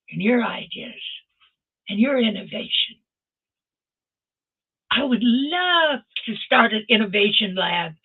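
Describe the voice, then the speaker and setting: A woman's voice: on the high side, vocal fry, breathy edge. An older woman hosting a stream and giving an impassioned motivational talk over a video call, urging her listeners on directly. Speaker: host. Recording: tinny phone-like video call audio.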